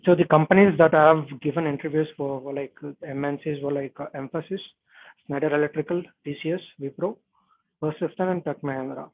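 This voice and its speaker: Guy in his 30s on a bad call line, kinda high voice, tinny and dry, lots of like and uh. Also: fairly even intonation, brisk. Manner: hesitant, many "like" and "uh" fillers. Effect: bad connection, narrow phone-like call audio. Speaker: interview guest, software tester. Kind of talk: casual interview over a video call. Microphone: video call.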